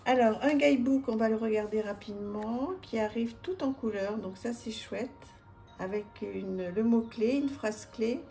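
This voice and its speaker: A woman's voice: a little high, moderate pace, creaky, faint music behind. A woman casually showing an oracle card deck, chatty with many hesitations. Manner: chatty, warm-hearted, many fillers. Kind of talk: casual product presentation.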